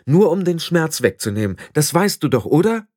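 A man doing a level-headed young witch with a firm, somewhat reproachful way of talking. The voice sits a little higher than his own and moves lively, recorded close and dry. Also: moderate pace, no echo. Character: sensible, sharp-tongued young witch, girl. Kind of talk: audiobook character voice.

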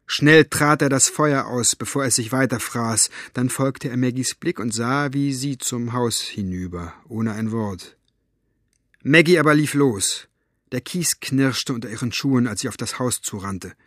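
A man narrating a storybook with an expressive, dramatic reading. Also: medium pitch, unhurried, dry recording, clean studio sound. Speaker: audiobook narrator.

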